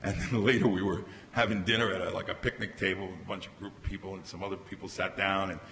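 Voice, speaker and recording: Middle-aged male panelist, lowish voice, anecdotal storyteller, stand mic in an echoing hall. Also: fairly even intonation, fast talker, sharp tone. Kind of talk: conference panel discussion. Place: large conference hall stage. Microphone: microphone on a table stand. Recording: reverberant hall, faint background hiss.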